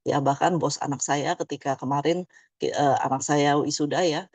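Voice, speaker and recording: A woman's voice: deep voice, fairly even intonation, moderate pace, a little mellow, dry recording. A woman in her fifties giving a chatty motivational presentation, tagging many phrases with "ya". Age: 50s. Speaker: business presenter.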